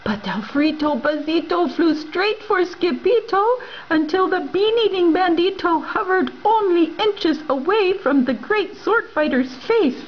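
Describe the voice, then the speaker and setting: A woman's voice: very high voice, unhurried, highs cut off, a little hiss or hum. Playful woman reading a picture book. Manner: expressive, playful reading with Spanish words. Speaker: reader. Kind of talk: storybook read-aloud.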